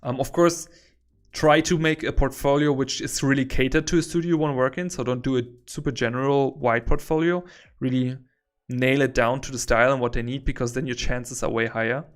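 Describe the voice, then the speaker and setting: A man's voice: medium pitch, fairly even intonation, brisk. A man chatting casually on a livestream while he draws, rambling and easily amused. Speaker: artist streaming while drawing. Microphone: headset.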